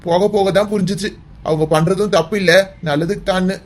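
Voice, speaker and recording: A man's voice: sits high, steady tone, a little fast, a little mellow, natural voice. A man voicing an emotional, remorseful middle-aged village uncle in a cartoon, tearful and fond with his family. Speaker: uncle and father. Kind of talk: cartoon voice acting.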